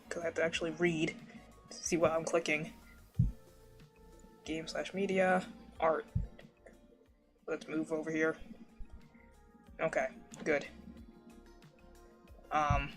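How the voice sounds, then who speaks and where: A livestreamer chatting casually while drawing, rambling with lots of fillers and restarts, the voice slightly warbled by noise suppression on a desk mic. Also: medium pitch. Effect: warbly noise-suppression artifacts.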